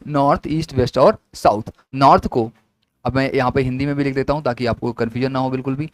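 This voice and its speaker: A man's voice: medium pitch, fast talker, no echo. Man drilling a lesson with repeated questions. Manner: repetitive question-and-answer drilling. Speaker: teacher. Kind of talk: classroom lesson explaining at a whiteboard.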